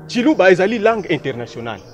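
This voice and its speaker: A man's voice: high-pitched, sing-song, rapid-fire. Emphatic man lecturing. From DR Congo. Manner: emphatic, lecturing, lists places and dates. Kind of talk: political discussion.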